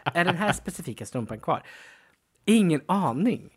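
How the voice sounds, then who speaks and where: A man co-hosting a podcast at home, chatting casually, animated and defensive, laughing often. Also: a little high, husky. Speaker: podcast co-host. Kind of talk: casual chat. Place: at home, dog in the room.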